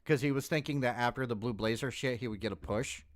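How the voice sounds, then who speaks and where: A man's voice: medium pitch, fast, dry recording, studio quality. A man hosting a stream, reacting to a video in a blunt, profane casual rant that often breaks off mid-word. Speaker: streamer host.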